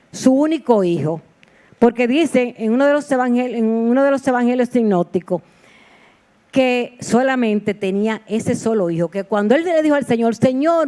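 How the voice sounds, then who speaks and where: A woman's voice: on the high side, warm tone. A woman preacher giving a sermon in a heartfelt, personal storytelling manner, with repeated exclamations. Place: church sanctuary.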